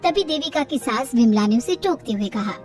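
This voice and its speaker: A woman narrating an animated family story in a steady storytelling manner. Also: on the high side, moderate pace, recorded from a distance. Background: soft music.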